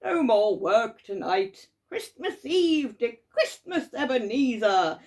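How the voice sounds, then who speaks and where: Female reader doing a booming jovial old storybook merchant, high and raspy-edged. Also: sing-song, slow pace, heavily acted. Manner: loud, jovial, calling out. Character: jolly fat old male merchant, boisterous.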